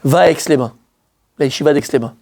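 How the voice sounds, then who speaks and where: A man voicing a gentle, fatherly elderly rabbi, speaking softly and calmly. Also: fast, natural voice. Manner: soft, low and calm.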